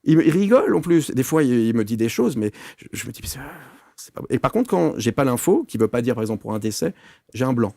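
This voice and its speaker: Gravelly French man telling anecdotes. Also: mid-range voice, quick pace, no echo, clean studio sound. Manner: animated anecdotes with many fillers and restarts. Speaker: medium, interview guest. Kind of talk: casual interview storytelling.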